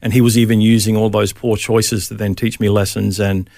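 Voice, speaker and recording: A man's voice: on the low side, flat delivery, fairly quick, gravelly, a little mellow, dry recording, clean studio sound. A middle-aged Australian man, a pastor, telling his faith story in a casual interview, with many ums and restarts.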